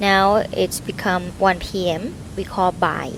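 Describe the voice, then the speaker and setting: A woman's voice: fairly low pitch, little pitch movement, fast, a bit bright, slight background noise, rough recording. A woman in her thirties from Thailand with a Thai accent, teaching a conversational language lesson step by step and prompting her learner with questions. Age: 30s.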